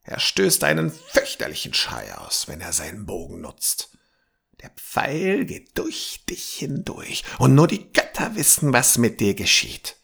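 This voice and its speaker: Gruff old bearded guy, as a man reads him, slow and grave, gravelly and husky, whispers now and then. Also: medium pitch, wildly swooping pitch, a bit bright, pitched above the performer's own voice, full character voice. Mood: grave warning. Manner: slow, grave warnings, sometimes dropping to a whisper.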